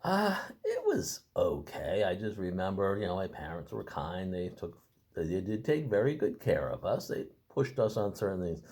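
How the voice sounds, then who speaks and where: An older man talks through his family's past in a casual interview. His voice sits low but swings widely in pitch. He rambles and restarts often as he searches for details. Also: big pitch swings, darkish tone. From Boston, Massachusetts. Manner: rambling, halting, with many restarts.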